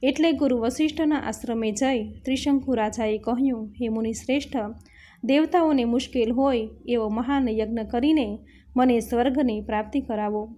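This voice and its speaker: Female storyteller for a religious reading, warm and somewhat high, steady measured delivery. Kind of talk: scripted devotional narration.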